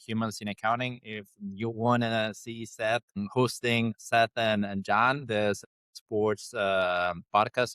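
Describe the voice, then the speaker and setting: A man with an Argentine Spanish accent, a Spanish speaker hosting a podcast interview, talking in a halting way with many restarts. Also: mid-range voice, smooth, dry recording. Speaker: podcast host. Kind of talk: casual interview chat.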